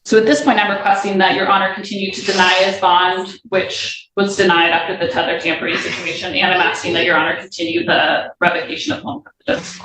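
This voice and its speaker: Echoey, distant female prosecutor, even tone. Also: fairly low pitch, fast, few pauses. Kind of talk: formal courtroom argument. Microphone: far from the speaker. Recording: echoey courtroom, distant mic, faint noise.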